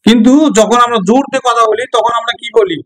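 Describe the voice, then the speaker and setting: A man's voice: very high voice, steady tone, fast talker, a bit bright, poor audio. A man with a Bangladeshi Bengali accent teaching an exam-prep grammar lesson, going step by step, repeating examples and answering his own questions.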